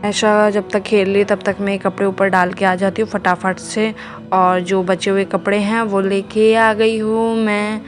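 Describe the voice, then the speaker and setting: A young Indian vlogger mother narrates her day at home to her viewers while looking after her baby, chatting in a homely way to both the audience and the child. Her medium-pitched voice moves little in pitch and keeps a measured pace. Faint music plays in the background.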